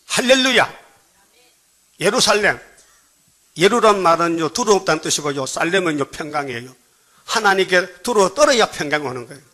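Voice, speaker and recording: Male pastor, Gyeongsang dialect, emphatic sermon delivery, bright and fairly high voice. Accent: Gyeongsang Korean dialect. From Gyeongsang Province, Korea. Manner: emphatic, fires rhetorical questions at the congregation; slow, measured cadence when reading scripture. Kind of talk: sermon with scripture reading.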